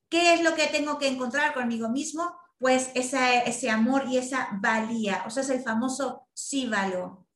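A woman's voice: a little high, a bit bright, reverberant. A woman leading a group talk, emphatic and acting out quoted lines. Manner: emphatic, acts out quoted speech. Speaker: workshop leader. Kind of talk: group talk over video call.

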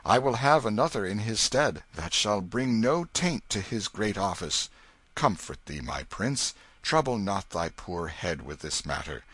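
A dying old king, played by a man thunders his commands in raised, loud, archaic speech. His pitch swings widely and the tone is bright, in a dry recording. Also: lively intonation, unhurried, husky, no room sound, full character voice. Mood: tender, weary. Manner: archaic, imperious declamation.

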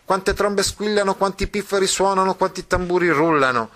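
A man's voice: sits high, normal speed, fairly bright tone, pitched above the performer's own voice. A man voicing a young male puppet-show narrator with a declamatory, ornate delivery, read aloud from a novel. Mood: dramatic.

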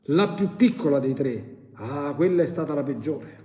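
A man voicing a tormented, spiteful male demon with a shrill, drawn-out, strained delivery. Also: animated, dark tone, reverberant, long reverb tail, lightly acted.

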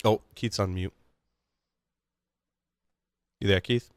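A man's voice: on the low side, steady tone, takes it slowly, dry recording, studio quality. A man co-hosting a casual tech podcast, talking in a loose, chatty way and correcting himself as he goes. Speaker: podcast co-host.

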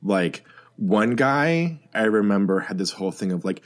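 A man with a fairly low voice in a casual podcast chat. He talks loosely and relaxed, often agreeing with short sounds. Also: moderate pace. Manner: relaxed, frequent backchannel agreement.

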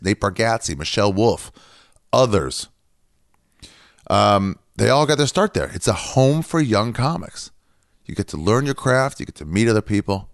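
A podcast host in full rant mode, a man cursing freely and getting worked up. His pitch swings all over as he talks, rising and dropping with real animation, and he stands in front of a mirror as he goes. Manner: fired-up, swearing, ranting. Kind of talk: casual profane comedy rant.

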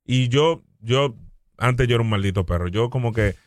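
A man's voice: medium pitch, moderate pace, dry recording. A man with a Dominican accent chatting casually, telling stories with slang and quoted dialogue as a co-host. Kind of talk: casual group chat.

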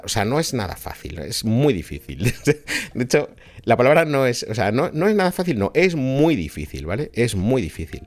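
A man with a Spanish accent from Spain, a science communicator telling a story to his viewers in a lively, laughing way, often adding a checking "¿no?". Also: fairly low pitch.

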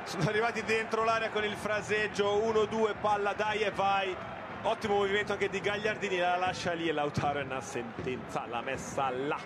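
A man with a high-pitched voice gives analytical football co-commentary, explaining the play. There is clear noise behind him. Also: fairly even intonation, fairly quick. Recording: clear background noise on broadcast.

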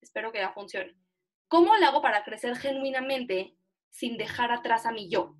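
Chatty high-voiced Mexican young woman. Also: moderate pace. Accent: Mexican Spanish. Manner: chatty, animated, self-mocking. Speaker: teacher leading an online class. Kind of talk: casual online lesson. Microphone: video call.

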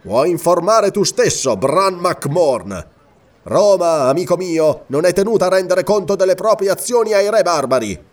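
A man's voice: expressive, normal speed, distant mic. A man playing a gloating Roman governor. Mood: haughty. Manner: haughty and gloating, high and loud. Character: cruel, mocking Roman governor, adult man.

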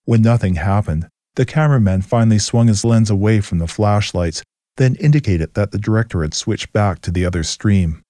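Low mellow male narrator. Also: moderate pace, dry recording, studio quality. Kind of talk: scripted narration.

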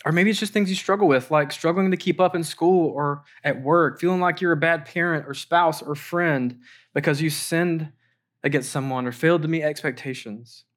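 A man preaching a sermon, earnest, slowing and softening for the quoted lines. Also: a little high. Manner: earnest, slows down for quoted lines and drops to near a whisper. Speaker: pastor.

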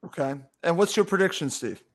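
A man hosting a sports talk show, briskly steering the discussion and handing over to his co-hosts. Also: fairly high pitch, animated. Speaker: show host.

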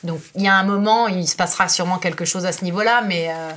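A French woman in her thirties, a guest in a relaxed interview, talking in a lively, chatty way and often saying "you know". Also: lowish voice, fast. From France. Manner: lively, chatty, says "tu vois" a lot. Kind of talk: casual conversational interview.

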